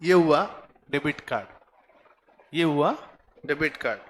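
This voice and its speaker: A man teaching a commerce class, questioning students and explaining slowly in a classroom. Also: a little high, slight background noise. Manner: mixes Hindi, Marathi and English, quizzes students; slow, deliberate explaining. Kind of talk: classroom lecture.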